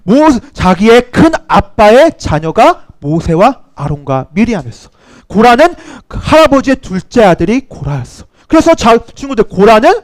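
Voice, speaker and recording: A man giving a children's sermon to preschoolers, asking them questions and acting out shouts and cries. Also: sits high, no room sound. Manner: animated, acts out shouts and cries; addresses children as friends, asks questions. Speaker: children's ministry teacher.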